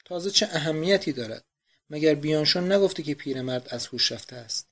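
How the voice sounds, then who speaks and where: A man's voice: on the high side, animated. A man voicing a young painter who jokes flippantly at a boarding-house table in a read-aloud novel. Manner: flippant, joking.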